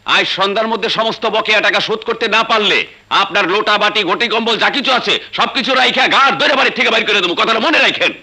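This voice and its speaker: An actor playing a harsh moneylender who bluntly threatens to throw a debtor out. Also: male voice, high voice, fast talker, bright, forceful tone, heavily acted, low-quality recording. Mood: threatening. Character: harsh moneylender demanding dues.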